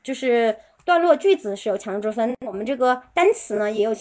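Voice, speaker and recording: A woman's voice: on the high side, lively intonation, a little mellow. Patient woman teaching English pronunciation. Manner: explains patiently, with many drawn-out filler particles; slows down to model English sentences. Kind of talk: live-stream lesson.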